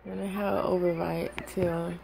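A woman's voice: lowish voice, flat delivery, normal speed, vocal fry, background noise. A woman in her thirties, talking casually in a personal vlog with a finger in her mouth, hesitant and repeating words. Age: 30s. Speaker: vlogger.

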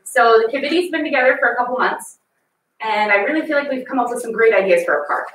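A woman's voice: a little high, quick pace, fairly bright tone. Enthusiastic woman presenting in an echoey room. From Lebanon area, USA. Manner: enthusiastic, chatty. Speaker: park committee presenter. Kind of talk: public comment presentation. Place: small town office meeting room. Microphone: far room camera. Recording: echoey room from far off, noise.

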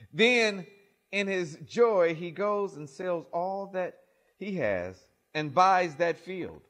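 A middle-aged male pastor preaching from a pulpit in a small church, his voice sitting high for a man. He reads scripture and explains it in an animated way, rising loud and dropping to near quiet. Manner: animated, expressive, loud and soft swings. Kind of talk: sermon with gospel reading. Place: small church sanctuary, indoors.

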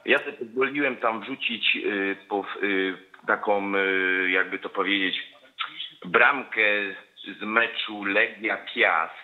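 Low, hesitant male caller on a phone line. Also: fairly even intonation, takes it slowly. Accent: Polish. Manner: hesitant, full of filler sounds.

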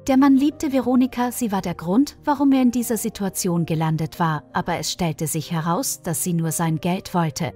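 A woman narrating a dramatic family story in an even, storytelling manner. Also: on the low side, moderate pace, few pauses. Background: faint music.

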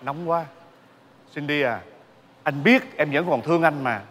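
A man's voice: fairly high pitch, unhurried, a little hiss or hum. A man playing a remorseful ex-husband who begs his wife to forgive him in a stage comedy. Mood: coaxing. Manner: whiny, theatrical pleading. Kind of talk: live stage comedy sketch. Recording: live stage with loud music and audience.

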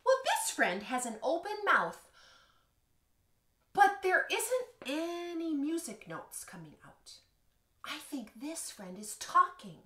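A woman's voice: sits high, very animated, slow, sharp tone. A woman in her thirties, a music teacher leading a children's lesson from home with a playful, sing-song manner. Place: living room at home. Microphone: camera across the room. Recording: echoey living room.

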